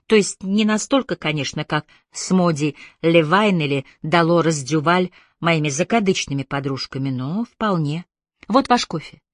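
A woman's voice: deep voice, animated, moderate pace, dry recording, clean studio sound. A woman reading an audiobook voices a cheeky, chatty young actress with breezy banter. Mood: shaken.

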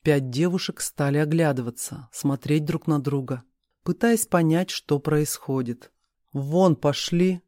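A man reading a first-person novel aloud in a steady storytelling delivery. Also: fairly high pitch, unhurried, no echo, studio quality. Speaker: audiobook reader.

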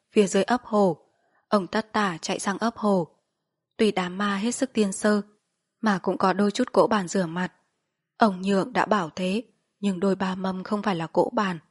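A woman reads a novel aloud as audiobook narration, steady and even in her storytelling. Her voice is husky and breathy, at a middle pitch.

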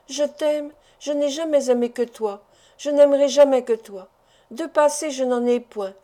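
A frightened young wife with a secret pleads with her husband in a fervent way, as a woman reads her. Her voice is fairly high and soft-toned. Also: close to an everyday voice.

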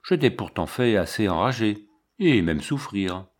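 A cold, stern army captain in his thirties, as a male narrator voices him in an audiobook. He gives curt orders in a low, steady voice. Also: unhurried. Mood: probing. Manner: curt and commanding. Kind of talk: audiobook character reading.

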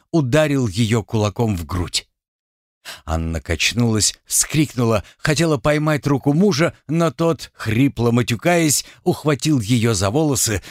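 A man narrating an audiobook in a measured, grave manner. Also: medium pitch, no echo, studio quality.

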